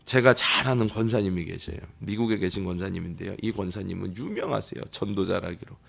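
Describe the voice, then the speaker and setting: A pastor preaching a sermon in a church, telling stories with lively, acted-out voices. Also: male voice, deep voice, brisk, vocal fry. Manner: lively storytelling that acts out quoted people. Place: church sanctuary.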